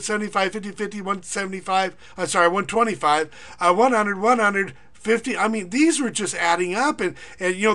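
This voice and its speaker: A middle-aged man, a schoolteacher, pitching an online income system in a casual, rambling way with many fillers, reading off payment amounts in a quick list. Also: pushed and bright. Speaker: online income marketer and teacher. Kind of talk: casual screen-recorded pitch.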